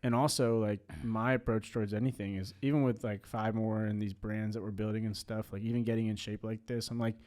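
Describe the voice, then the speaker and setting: A man's voice: on the low side, level tone, fairly quick, hardly any pauses, darkish tone. A man in his late twenties in a casual podcast chat. He rambles, full of "like" and restarts. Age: 20s.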